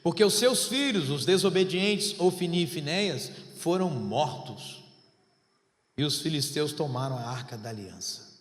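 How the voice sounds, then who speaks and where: Pastor guy preaching, high voice, goes from soft to yelling, big echoey church with long reverb. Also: lively intonation, unhurried. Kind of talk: sermon. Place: large church hall.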